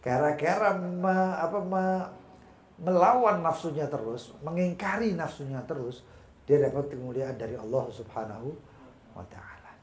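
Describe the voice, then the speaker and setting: A man preaching a religious study session and telling a story with lively asides. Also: a little high, moderate pace. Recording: echoey room.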